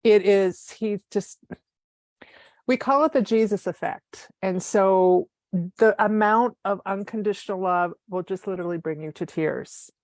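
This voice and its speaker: Soft, reverent woman channeling messages. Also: medium pitch, measured pace, no room sound. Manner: soft, reverent, often breathy sighs. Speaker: guest channeler. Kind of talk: live spiritual channeling and reading.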